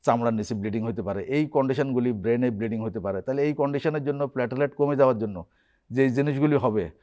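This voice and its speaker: Guy doctor on tv, even middle voice, walks through symptoms point by point. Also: medium pitch, fast. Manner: explanatory, lists symptoms and remedies step by step. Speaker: guest doctor. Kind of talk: health advice on a TV program. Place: TV studio.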